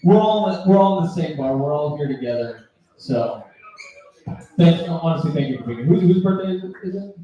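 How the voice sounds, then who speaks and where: A man's voice: on the high side, animated, brisk, lo-fi sound. A man hosting an open mic, joking loosely with the crowd and laughing between lines. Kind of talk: emceeing and crowd work. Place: small bar with live audience. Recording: echoey bar room, mic heard from a distance.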